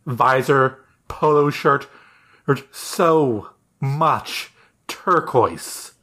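A man hosting a casual podcast, pitching his story characters with many pauses and fillers. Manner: animated, halting, with many fillers. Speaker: podcast host presenting his story idea. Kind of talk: casual chat.

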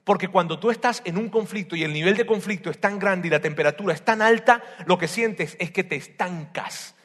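A man with a high voice preaches a sermon on family life in a large hall, and his words trail off in a long reverb. He speaks in an animated way, repeating phrases for emphasis. He moves from loud bursts to soft, close asides. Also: brisk.

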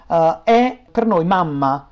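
A man's voice: on the high side, lively intonation, slow pace, a little mellow, muffled recording. A man from Naples with a Neapolitan accent, explaining language in an informal interview, teaching through examples. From Naples, Italy.

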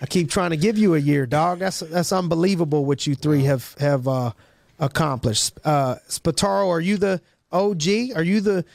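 Brief: male podcast host, slightly higher voice, energetic and rambling, restarts a lot, dry close recording. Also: moderate pace, vocal fry, no room sound. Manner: hyped, rambling, many restarts and slang. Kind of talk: casual interview chat.

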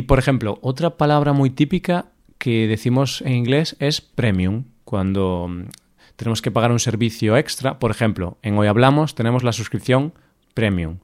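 A man from co-hosting a casual chat podcast, musing aloud about how Spaniards say English words, with easy fillers. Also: medium pitch. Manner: relaxed, thinks aloud with fillers. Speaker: podcast co-host.

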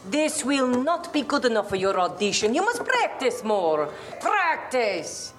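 Mean violin teacher, slow and swoopy, loud score under her. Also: on the high side, very animated. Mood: scolding. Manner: curt, scolding. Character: harsh demanding female violin teacher. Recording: film clip with music score.

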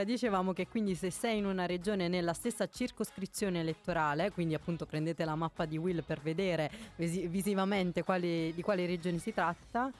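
A woman's voice: lowish voice, darkish tone. Chatty female radio co-host over music. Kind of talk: casual explanatory chat.

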